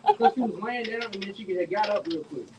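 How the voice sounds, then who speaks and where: Guy tossing in short comments outside, pretty high voice. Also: fast, background noise. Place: outdoors.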